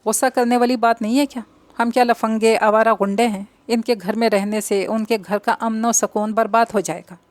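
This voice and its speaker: A woman's voice: a little high, fairly even intonation, moderate pace, few pauses, dry recording, lightly acted. A woman reading the part of an irritable, proud young man in an audio novel, talking indignantly. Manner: indignant, sharp-tongued.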